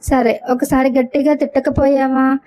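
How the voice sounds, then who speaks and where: A woman's voice: high-pitched, little pitch movement, normal speed, dark tone, natural voice. A woman voicing a blunt, teasing older brother in a storybook reading. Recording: dull lo-fi recording.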